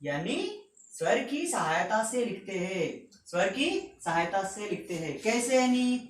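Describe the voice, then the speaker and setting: A woman teaching a school lesson, patiently reciting letters one by one and explaining them slowly. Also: mid-range voice, lively intonation. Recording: echoey room, distant mic, faint noise.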